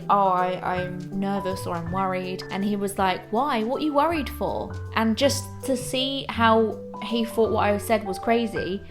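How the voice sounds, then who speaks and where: A young British woman in her twenties speaks at a medium pitch in a casual vlog style. She is candid and reflective, as if chatting directly to her viewers. Music plays clearly behind her voice. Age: 20s. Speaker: vlogger. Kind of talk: casual chat to camera.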